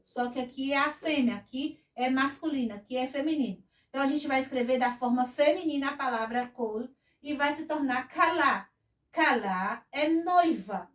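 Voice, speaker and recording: A woman teaching a lesson at a whiteboard, patiently repeating each word slowly and often adding a short blessing. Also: high-pitched. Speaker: Hebrew teacher. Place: room with a whiteboard. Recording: echoey room, voice from a distance.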